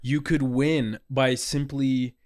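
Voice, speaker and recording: A man's voice: mid-range voice, flat delivery, takes it slowly, darkish tone. A man co-hosting a casual podcast who laughs often and teases his partner. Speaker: podcast co-host. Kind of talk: casual chat.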